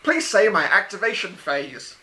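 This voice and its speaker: A cheeky robot from the future , as a man puts it on, reads out its system messages like a machine processing commands, clipped and mechanical. The voice sits high and swings widely, with a very bright, sharp tone. It is an improvised comedy podcast bit. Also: big pitch swings, moderate pace, full character voice. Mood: robotic. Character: cheeky sex robot from the future, male voice, deadpan.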